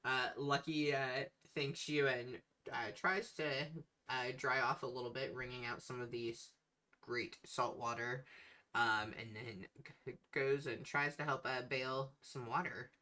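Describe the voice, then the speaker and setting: Bright-voiced woman game master. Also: rumbling low, steady tone, measured pace. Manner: self-mocking, laughs often. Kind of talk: narrating a tabletop game.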